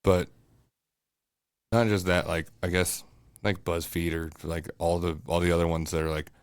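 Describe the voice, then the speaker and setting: A man's voice: low voice, flat delivery, moderate pace, no room sound, studio quality. A man co-hosting a casual home podcast, talking bluntly and swearing often. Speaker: podcast co-host. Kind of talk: casual chat. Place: home room above a bathroom.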